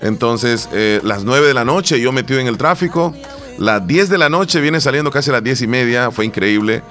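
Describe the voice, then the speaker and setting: A man's voice: mid-range voice, moderate pace, faint music behind. Man telling a story animatedly. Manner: animated storytelling, acts out quotes, many restarts. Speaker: co-host. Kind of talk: casual chat.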